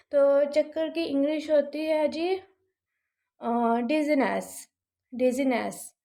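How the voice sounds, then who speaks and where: Woman teacher, high-pitched, slow drawn-out word drills. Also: darkish tone. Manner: repeats each word slowly, drawing out pronunciation. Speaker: English vocabulary teacher. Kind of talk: casual spoken vocabulary lesson.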